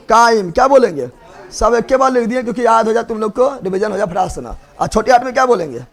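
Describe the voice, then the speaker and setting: A man teaching a biology class, drilling students with repeated questions and playfully scolding them. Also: high voice. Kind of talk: classroom lecture.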